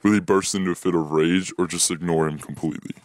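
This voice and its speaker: Deep-voiced young man reading a story. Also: steady tone, quick pace, a little mellow, dry recording. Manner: plain reading, voices dialogue with higher pitch. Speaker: student reading his own story. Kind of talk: reading a written story aloud.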